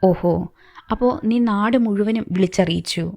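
A woman's voice: mid-range voice, measured pace, gravelly, a little mellow. A woman reading the lines of an angry, evasive middle-aged husband in an audiobook. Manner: curt, scolding.

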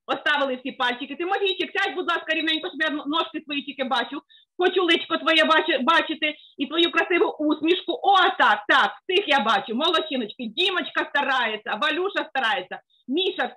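A woman's voice: high-pitched, pushed and bright, poor audio. A woman leading young children through a finger-exercise lesson over a video call, coaxing and sing-song, with constant praise. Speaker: children's teacher.

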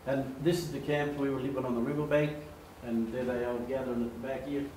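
At a lectern in an echoey meeting room, an older man with an average-pitched voice talks fast through a storytelling slide presentation. He's animated, gesturing and performing quoted voices. The far camera picks up faint room ambience and slight background noise.

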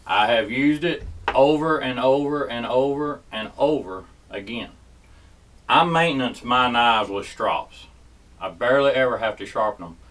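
A man's voice: mid-range voice, measured pace, a bit bright, far from the mic, poor audio. A man hosting a casual how-to demonstration, folksy and often checking in with "okay?". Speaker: host. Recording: voice set back from the mic.

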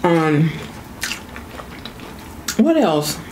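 Woman talking thru a mouthful of food, kinda low voice, faint hiss behind. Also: sing-song, very slow, a little mellow, rough recording. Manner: chatty, addresses viewers as y'all. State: mouth full. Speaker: mukbang vlogger. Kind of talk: casual chat to viewers while eating.

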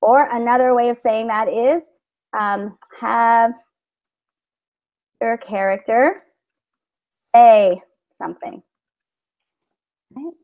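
A woman's voice: fairly high pitch, slow pace, pauses often, a little mellow. Chatty teacher woman on a call. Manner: friendly, explanatory, many fillers, acts out classroom exchanges. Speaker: teacher presenting to educators. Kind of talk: conference presentation with screen share.

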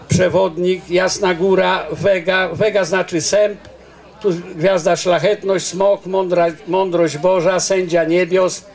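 A man's voice: high voice, gravelly. An older man giving an informal lecture outdoors into a handheld microphone, explaining earnestly and drifting off into asides and restarts. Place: outdoors under a garden tent.

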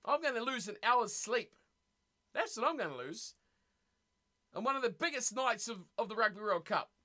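Kiwi guy streaming a rugby watch party, bright voice, bouncy pitch, teasing chat and laughing a lot. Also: expressive, normal speed. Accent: New Zealand. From New Zealand. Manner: chatty, teasing, laughs often. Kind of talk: casual live-stream chat, reading chat aloud.

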